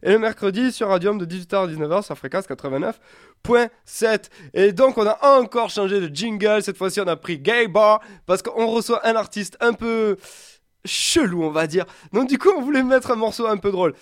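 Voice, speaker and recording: Joking high-voiced male radio host. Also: moderate pace, no echo, studio quality. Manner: joking, teasing, chatty. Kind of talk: casual radio chat.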